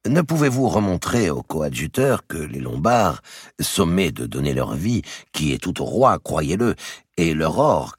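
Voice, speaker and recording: Through a dry close recording, a man reads as a calculating middle-aged merchant, his very deep voice husky and rough at the edges. He speaks slowly and deliberately, each word a quiet threat, yet his pitch rises and falls freely. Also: no room sound, heavily acted. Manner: measured, deliberate, calmly menacing. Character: cold shrewd middle-aged male merchant. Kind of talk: audiobook character reading.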